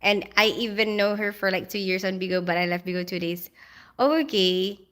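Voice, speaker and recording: Woman, Filipino accent, bright voice, live-stream chat, reads comments aloud, laughs often. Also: mid-range voice, steady tone, a little fast. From Philippines. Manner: chatty, laughs often, speaks straight to viewers.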